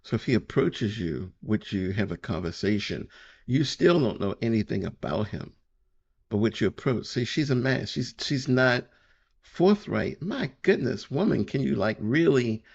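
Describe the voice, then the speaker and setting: Gravelly opinionated man commenting. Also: mid-range voice, animated, normal speed, darkish tone, highs cut off. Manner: opinionated, repeats his points. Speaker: reaction video commentator. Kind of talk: casual commentary.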